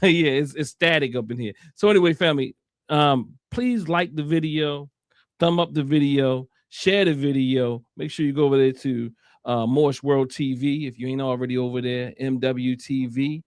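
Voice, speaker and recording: A man hosting a casual online chat show, talking in a playful way with many halting restarts and repeated words. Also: medium pitch, fairly even intonation, no echo, clean studio sound. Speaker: host.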